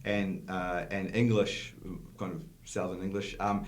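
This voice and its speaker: A middle-aged man hosting a podcast interview, chatty and quick to agree. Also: deep voice, little pitch movement. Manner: chatty, lots of agreeing "yeah"s. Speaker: podcast host. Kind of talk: casual interview chat. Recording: roomy echo.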